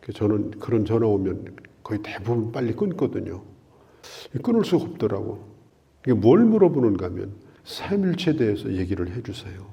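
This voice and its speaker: A man's voice: fairly low pitch, very animated, a little fast, gravelly, mellow, highs cut off. A middle-aged man preaching a daily Bible exposition as a pastor, earnest and emphatic, with some phrases dropped to a whisper.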